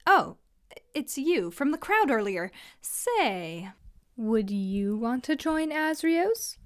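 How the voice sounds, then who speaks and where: In a fantasy audio drama, an actress voices a smug villain's henchwoman, taunting in a sing-song tone of fake politeness that sounds mockingly sweet. Her voice sits high with big pitch swings, taken slowly in a full character voice.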